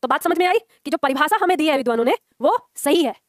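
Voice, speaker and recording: A woman gives a grammar lecture to her students, her voice fairly high and her delivery brisk. She explains point by point and keeps checking that the class is following. The sound is dry and close. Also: lively intonation, no echo. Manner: explains step by step, asks students checking questions. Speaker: Hindi grammar teacher.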